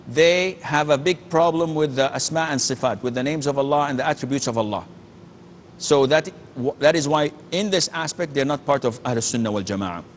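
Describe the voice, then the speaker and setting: A man's voice: fairly high pitch, slight background noise. A man answering callers' questions as a sheikh on a call-in show, earnest and emphatic, often restarting his sentences and using Arabic phrases. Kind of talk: call-in religious Q&A.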